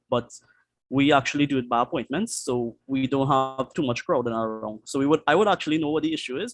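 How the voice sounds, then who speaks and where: A man's voice: mid-range voice, no echo. Trinidadian man on a panel, casual and chatty, dry sound. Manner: casual, chatty, repeats himself. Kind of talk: online panel discussion.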